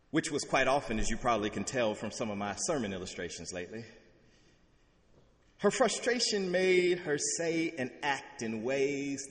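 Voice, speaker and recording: A man's voice: mid-range voice, in a large hall. A middle-aged man preaching a sermon, telling stories with vivid humor. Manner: storytelling, uses vivid humor. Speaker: pastor.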